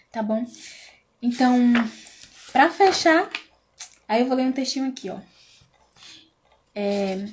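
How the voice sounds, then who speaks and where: A woman hosting a casual devotional live stream, talking intimately with soft asides and fillers. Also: a little high. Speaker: live-stream host sharing a devotional book.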